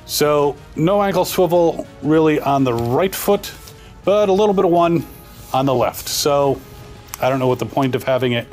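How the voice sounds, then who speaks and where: A man's voice: fairly high pitch, lively intonation, moderate pace, darkish tone, faint music behind. A man hosting a casual toy unboxing review, talking through it with joking, wisecracking asides.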